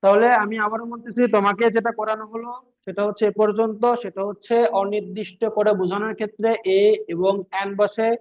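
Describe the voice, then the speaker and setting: A man teaches an exam-prep grammar lesson in a fairly high voice. He repeats his points and keeps asking whether it is clear. The sound is thin and tinny, like a phone line. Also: flat delivery, fast. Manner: repetitive, checks understanding with frequent questions.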